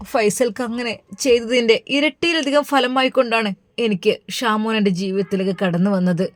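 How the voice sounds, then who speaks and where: Woman reading as a young wife praying softly, heartbroken, dry close sound. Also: fairly high pitch, no room sound, close to an everyday voice.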